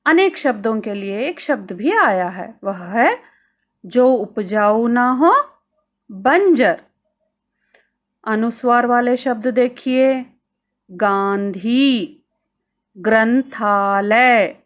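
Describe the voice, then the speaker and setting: A woman teacher giving a recorded grammar lesson to children, speaking slowly and carefully and addressing them directly. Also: on the high side, expressive, lo-fi sound. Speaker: Hindi teacher.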